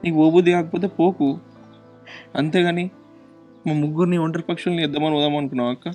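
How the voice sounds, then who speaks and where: A young actor with a Telangana Telugu accent playing a worried, protective younger brother who questions and reassures. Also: male voice, fairly high pitch, steady tone, fast, a little mellow, faint music behind, close to an everyday voice. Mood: urgent.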